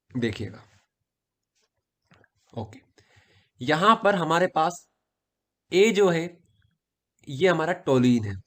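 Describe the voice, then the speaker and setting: A man from Madhya Pradesh teaching chemistry in a casual exam-prep lesson, repeating key points and asking and answering his own questions. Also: medium pitch. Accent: Hindi-speaking Madhya Pradesh.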